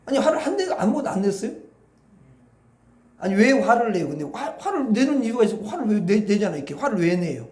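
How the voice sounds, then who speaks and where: Male pastor, sermon, questions to the congregation, swooping lively delivery. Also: high-pitched, fast, reverberant. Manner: preaching, asks the congregation questions. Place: church hall.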